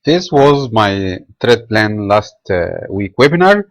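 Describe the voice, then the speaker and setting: A man's voice: fairly low pitch, sing-song, no echo, low-quality recording. Egyptian-raised man reading market commentary. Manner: reads from a script, measured with filler pauses. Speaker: market commentator and trading trainer. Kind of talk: read market commentary webinar.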